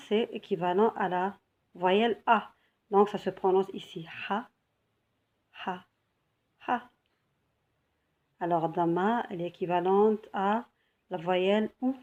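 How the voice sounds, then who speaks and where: A woman teaching a beginner's lesson, patiently repeating each word slowly and clearly. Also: mid-range voice, a little mellow, muffled recording. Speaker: Arabic teacher.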